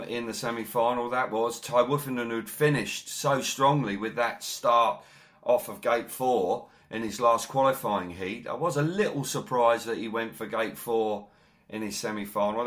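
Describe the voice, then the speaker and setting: A man's voice: medium pitch, fairly bright tone. A man interviewing about sport in a conversational way, recapping races with wordy enthusiasm before putting his questions.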